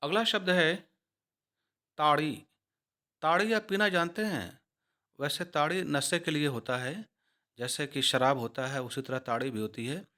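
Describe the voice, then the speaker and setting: Higher-voiced man explaining words. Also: unhurried, pauses often, bright, forceful tone. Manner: spells out words letter by letter, conversational, addresses viewers directly. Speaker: teacher explaining Hindi words used in English. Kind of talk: casual explanatory lesson.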